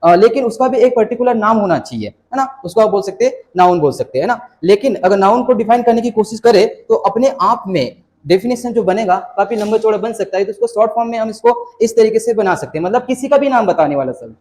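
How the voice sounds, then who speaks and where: A man's voice: high-pitched, animated, fast, a little mellow. A man gives an exam-prep grammar lesson. He explains step by step, mixes Hindi with English terms and keeps asking rhetorical questions. His speech is patient and explanatory.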